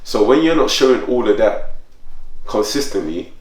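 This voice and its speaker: A man's voice: lowish voice, moderate pace, recorded from a distance. A man telling stories in casual chat, full of slang, his voice jumping up when he gets worked up. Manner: animated storytelling with slang, voice jumps up when worked up. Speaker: podcast host. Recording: roomy sound, a bit off the mic.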